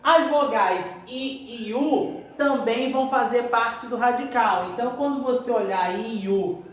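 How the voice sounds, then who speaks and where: A man's voice: very high-pitched, measured pace. A man with a Brazilian Portuguese accent teaching a grammar lesson for exam prep. He explains step by step and keeps checking in with the students. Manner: explanatory, repeats "tá?" to check understanding. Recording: very echoey room, faint ambient noise.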